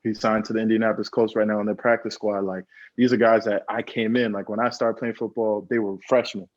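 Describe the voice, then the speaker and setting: An earnest young American man tells his story in a low, fairly flat voice, repeating his key phrases. He sounds dull and lo-fi, and the room around him is dry. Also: a little fast, no room sound. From United States. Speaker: guest, pro football player. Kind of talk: casual interview storytelling.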